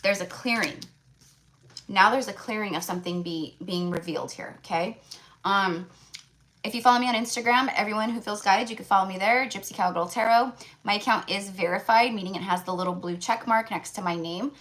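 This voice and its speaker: A woman hosts a live tarot reading on a livestream, rambling casually, repeating phrases for emphasis and often checking in with listeners. Her voice is medium in pitch, fairly bright, and a little fast.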